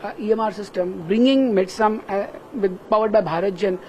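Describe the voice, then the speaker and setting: At a crowded tech summit, a Kerala-born professor with an Indian English accent lays out his work earnestly and in sequence, often checking in with "right?" His voice sits high and has a darkish tone, and he talks briskly. Slight background noise is audible.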